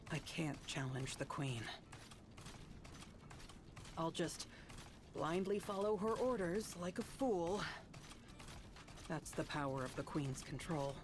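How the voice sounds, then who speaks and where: Low, curt and dismissive; weary, cold game fighter. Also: female voice, background noise. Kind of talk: video game voice acting.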